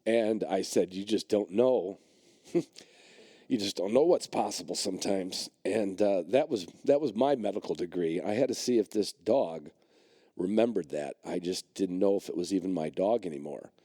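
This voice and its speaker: A middle-aged man with a low, mellow voice tells a long personal story on his podcast. He rambles, circling back with plenty of fillers and restarts. The sound is dry and close. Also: moderate pace, no echo. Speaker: podcast host and dog trainer.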